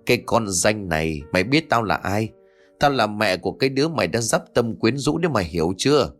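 A fierce older mother in a spoken ghost story, hurling harsh scolding lines, voiced by a male narrator. The pitch swings widely, with soft music behind. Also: sing-song, brisk. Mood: furious scolding.

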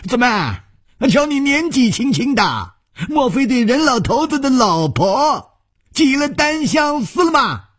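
Guy putting on a high shrill sneaky old villain, husky, cackling and mocking, storybook style. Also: sing-song, unhurried, a bit bright, full character voice. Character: sly old male villain, mocking and cunning.

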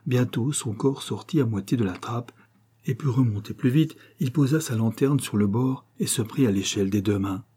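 A male audiobook reader narrates in a measured, even storytelling manner. His voice is dark and mellow, with a husky edge. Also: mid-range voice. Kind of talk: scripted narration.

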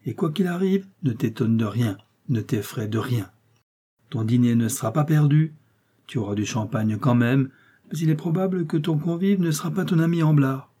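A man voicing a sharp, commanding male detective in an audiobook, asking curt, authoritative questions. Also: medium pitch, normal speed, slightly rough, natural voice. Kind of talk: audiobook character reading.

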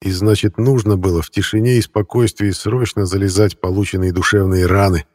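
A man narrating a novel in a steady, measured storytelling manner. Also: sits low, dry recording, studio quality. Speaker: audiobook reader. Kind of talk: scripted narration.

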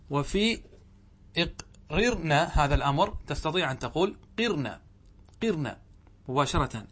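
A sheikh teaching a grammar lesson, reading a classical text, asking his class questions and answering them himself. He slows down to stretch out each example word and says it again. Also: on the high side, a bit bright. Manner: drawls example words slowly and repeats them.

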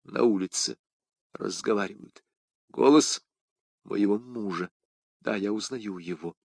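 A man voicing an anxious, devoted young woman who speaks in hushed, worried tones in an audiobook reading. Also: fairly low pitch, measured pace, creaky, no echo, clean studio sound. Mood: hushed fearful.

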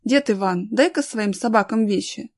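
Woman narrator doing a bossy male tramp leader, brisk orders, raised voice. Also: medium pitch, natural voice. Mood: commanding.

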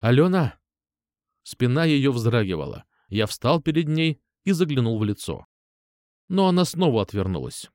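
A man's voice: mid-range voice, sing-song, normal speed, darkish tone, dry recording, clean studio sound. A man narrating an audiobook in the first person, reading expressively.

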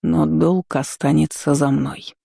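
A stern, proud male dragon lord, as a woman puts him on, speaking slowly and curtly with a low, gravelly edge. His tone is dark and mellow, recorded dry and close with no room sound. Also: flat delivery, dry recording, full character voice. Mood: firm. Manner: curt, commanding, unyielding.

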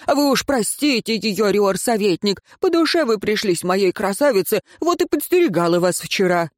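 A man's voice: sits high, very animated, moderate pace, dry recording, studio quality. A man reading an audiobook and voicing a simple, devoted middle-aged town warden who pleads earnestly. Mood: pleading.

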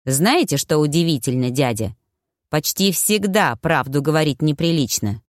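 A woman's voice: sits low, expressive, moderate pace, no room sound, clean studio sound. A woman reading an audiobook, voicing a sarcastic, defiant young man who mocks his family. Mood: mocking. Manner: mocking, biting, scornful.

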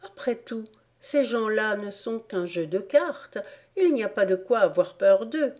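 A woman's voice: mid-range voice, expressive, a little slow, darkish tone, lightly acted. A woman reading a storybook aloud and voicing a polite but spirited young girl. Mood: polite lively.

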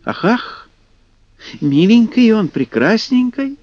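Storybook chorus of gleeful teasing swamp kikimoras, played by a male reader, piping high and singsong, dry muffled audio. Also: very animated, slow pace, darkish tone, no room sound, full character voice. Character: squeaky mischievous female swamp kikimoras, a giggling chorus.

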